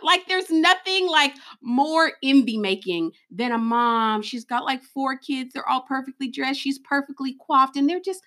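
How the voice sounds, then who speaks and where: A young woman with a high, bright voice hosts a casual chat. She is animated, swings her pitch widely and laughs often. She keeps calling her listeners girl and honey. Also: unhurried, hardly any pauses. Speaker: podcast co-host.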